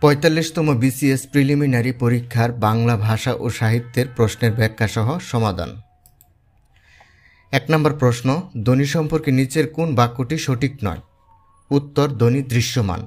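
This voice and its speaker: A man with a Bangladeshi accent explaining exam answers as a tutor, walking through examples slowly and steadily. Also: mid-range voice, darkish tone. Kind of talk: explanatory lesson.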